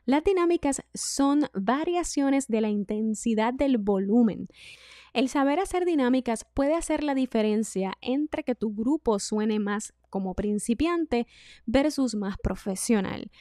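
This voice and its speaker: A woman vocal coach, giving a singing lesson in a clear, instructive way. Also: a little high, animated, measured pace, no echo, studio quality. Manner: clear instructive delivery, demonstrates loud and whispered speech.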